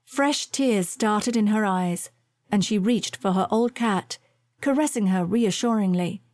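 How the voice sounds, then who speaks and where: A woman narrating a romance novel aloud in a soft, measured reading voice. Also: medium pitch, no room sound, studio quality. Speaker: audiobook narrator.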